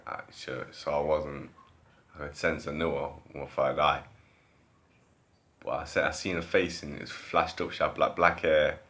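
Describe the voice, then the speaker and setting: Low-voiced man rambling through a story. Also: steady tone, normal speed. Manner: rambling, repeats and restarts phrases, trails off quietly. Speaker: vlogger recounting a dream. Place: home living room.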